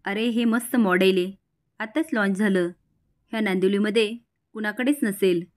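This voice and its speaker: Brief: woman reading a jealous young woman, spiteful edge, mid-pitched everyday voice. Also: steady tone, moderate pace, close to an everyday voice. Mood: indignant. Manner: read out within a plain recap.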